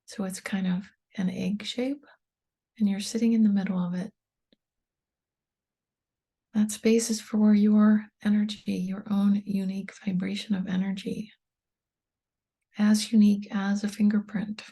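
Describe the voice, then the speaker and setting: Guiding a meditation, this woman, a meditation guide and tapping coach, uses a mellow, breathy voice of medium pitch. Short instructions come with unhurried pauses between them, and her tone stays soft, calm and evenly gentle with minimal rise and fall.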